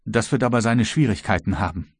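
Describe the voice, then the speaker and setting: A man's voice: on the low side, a little fast, no echo, lightly acted. A man reading as a worried, resolute sea captain. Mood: earnest. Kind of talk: audiobook reading.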